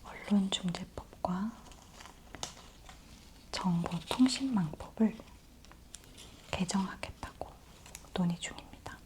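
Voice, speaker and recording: Female ASMR news host, close soft whisper, unhurried and gentle explainer. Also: fairly low pitch. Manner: whispering softly throughout, leaning in close; slow, gentle explaining to the listener in polite speech.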